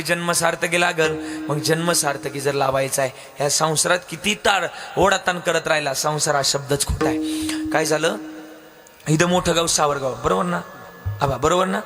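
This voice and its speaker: A man's voice: on the high side, in a large hall. A man with a Marathi accent preaching a devotional kirtan, telling a story, questioning the crowd and breaking into sung lines.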